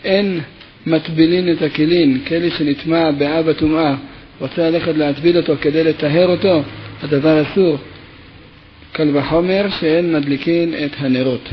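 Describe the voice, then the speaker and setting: A man's voice: fairly high pitch, dull audio, slight background noise. A man teaching a Torah lesson, telling a parable with acted quotes and then explaining legal texts step by step. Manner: storytelling with lively acted quotes, then steady explanatory reading of legal text. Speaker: rabbi teaching.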